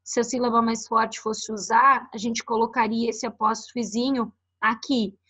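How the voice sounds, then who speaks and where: In a recorded online phonetics lecture, a woman teacher with a Brazilian Portuguese accent walks through slides, sprinkling in "né" and "ó" frequently. Her voice is a little high, bright, and slightly rough, with a forceful tone, little pitch movement, and a moderate pace.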